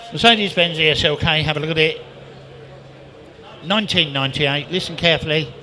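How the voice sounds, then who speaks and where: An English man runs a live auction in a fairly high, bright and forceful voice. He delivers repetitive bid-calling patter with chatty asides to the bidders. There is clear background noise around him. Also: a little fast.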